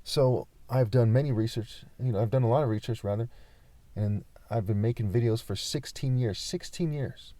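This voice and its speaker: Dark-voiced insistent man. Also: mid-range voice, dry recording. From California, USA. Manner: assertive, insistent, pauses often with fillers. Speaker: vlogger. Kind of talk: unscripted monologue to camera.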